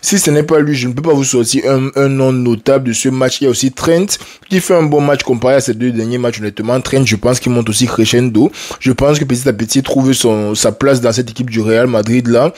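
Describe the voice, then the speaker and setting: A man's voice: mid-range voice, steady tone, fairly quick, few pauses, a little mellow. Chatty man breaking down a match. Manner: conversational, drops English words like "like", frequent restarts. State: a little sick, coughing. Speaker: football analyst, video host. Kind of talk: casual match debrief monologue.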